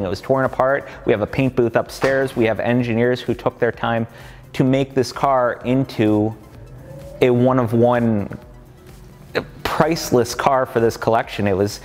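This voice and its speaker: A company collection guide in his thirties leads a casual walkaround through a large underground parking garage, eager and fact-heavy, with plenty of fillers. His middle-pitched voice is steady, a little mellow, and moves at a moderate pace. Long garage reverb trails his words, and faint music plays behind.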